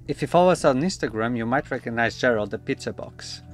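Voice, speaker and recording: A man in his thirties narrating a sailing travel vlog in a relaxed, matter-of-fact voice-over. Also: mid-range voice, fast, over music. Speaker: sailing vlogger.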